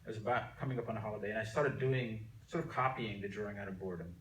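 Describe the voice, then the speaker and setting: A man's voice: on the low side, rapid-fire, slight background noise. A middle-aged man who grew up in Jamaica talks through his memories as an interview guest, circling back and restarting his sentences. He sits a little back from the mic. The room gives his voice a noticeable echo. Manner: rambling, many restarts and fillers. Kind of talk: relaxed conversational storytelling. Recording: echoey room, mic at a distance.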